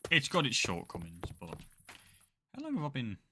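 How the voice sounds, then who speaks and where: Young male streamer, bright tense voice, loose rambling chat with casual swearing, faint hiss behind. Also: mid-range voice, wildly swooping pitch, normal speed. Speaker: game streamer.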